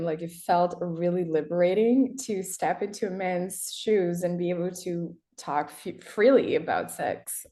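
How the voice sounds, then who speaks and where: A Brazilian erotic writer, native in Portuguese, chats as an interview guest in a lower voice with a dark tone. The conversation is casual, and she laughs often, with plenty of fillers and restarts.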